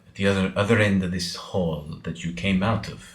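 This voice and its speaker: A man running a tabletop game as game master, voicing its characters in a halting, soft-spoken way. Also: deep voice, fairly even intonation, echoey room.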